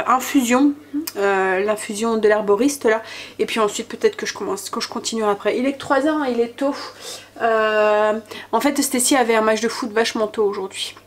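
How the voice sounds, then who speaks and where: In her home kitchen, a family vlogger in her thirties chats casually while cooking. She has a cold-stuffed nose and hesitates, using lots of fillers. Her voice is on the high side, with a steady tone and normal speed.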